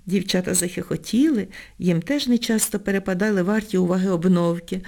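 A woman narrating an audiobook in a measured, expressive storytelling manner. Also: medium pitch, vocal fry. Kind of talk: audiobook reading.

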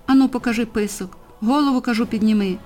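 A heavy-set male policeman arrives at night, as a woman reading the story puts him on. He barks short, unhurried orders and leaves no room for argument. The voice has a mellow, unbright tone under the authority. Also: fairly high pitch, faint music behind, lightly acted. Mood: cold. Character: burly male night policeman, calm and commanding.

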